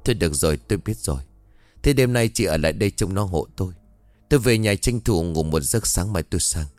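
A man's voice: sits low, expressive, quick pace, darkish tone, no room sound. A man doing an anxious, fretful middle-aged mother. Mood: weary, tired. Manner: pleading, fretful.

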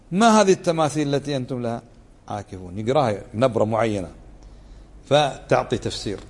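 A man gives a religious lesson, moving from explanation to brief demonstrations of tone. His middle-pitched voice carries a long reverb, as if recorded in a large hall. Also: darkish tone. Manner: conversational, keeps asking the listeners to confirm; acts out tones of voice to show meaning. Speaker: religious teacher. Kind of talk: lesson commentary.

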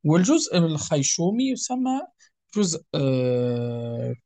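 A man's voice: on the high side, big pitch swings, measured pace, mellow, no room sound. A man teaching a lesson on Quran recitation rules, explaining patiently, repeating himself and correcting his own slips. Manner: patient and repetitive, often correcting himself mid-word; asks the listeners questions, then answers them himself.

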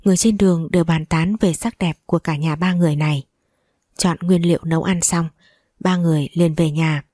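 A woman's voice: lowish voice, dark tone, dry recording, studio quality. A woman narrating a novel as an audiobook, reading steadily and evenly.

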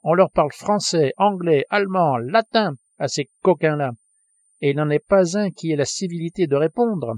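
A man voicing a hot-tempered adult harpooner who shouts his indignation in outbursts. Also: mid-range voice, moderate pace, no echo, studio quality, natural voice. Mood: outraged.

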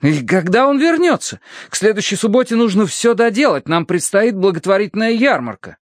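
A pale, fretful young clergyman, played by a male audiobook reader, scolds in a raised, lively voice full of indignation. The sound is dry. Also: high-pitched, fairly quick, no echo, pitched above the performer's own voice. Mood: scolding.

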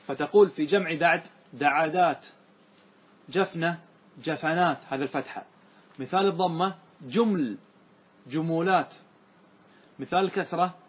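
A man's voice: fairly high pitch, husky. A man teaching Arabic grammar to a class, explaining a verse text, reciting lines and often checking that his students follow. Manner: keeps checking students follow, asks them questions; repeats examples and recites verses in a raised voice.

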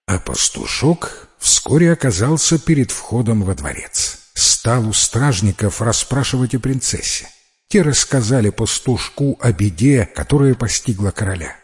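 A man narrating a fairy tale in an expressive storytelling manner. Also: on the low side. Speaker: reader.

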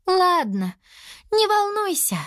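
A woman's voice: a little slow, dry recording, studio quality. A woman voicing a bossy, fussy young girl leader in a children's audio story. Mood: reassuring. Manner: high excited exclamations.

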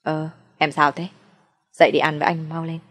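A woman voicing a young man, a gentle boyfriend who teases and comforts in a soft, reassuring way. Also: sits low, flat delivery, normal speed, long reverb tail. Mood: teasing.

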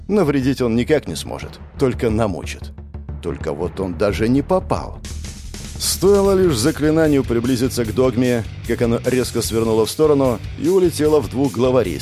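Animated male audiobook narrator. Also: mid-range voice, moderate pace. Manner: expressive, dramatic reading. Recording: faint background music.

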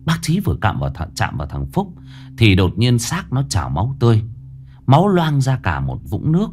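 Man telling a ghost story with lively pitch. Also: a little fast. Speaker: narrator. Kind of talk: spoken ghost story narration.

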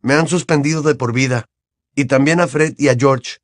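A man's voice: medium pitch, moderate pace, no echo, studio quality, pitched above the performer's own voice, lightly acted. A man voicing a frustrated, blunt teenage boy in an audiobook, speaking curtly. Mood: irritated. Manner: curt, irritated. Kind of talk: audiobook character voice.

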